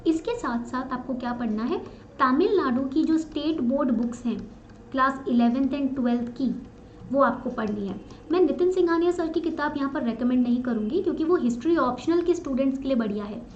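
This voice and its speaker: Female teacher, high voice, switches between Hindi and English, recorded in a slightly dull echoey room. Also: expressive, brisk, slight background noise. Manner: mixes Hindi and English, repeats points in English, frequent checking fillers. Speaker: exam prep teacher. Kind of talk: online exam strategy lesson.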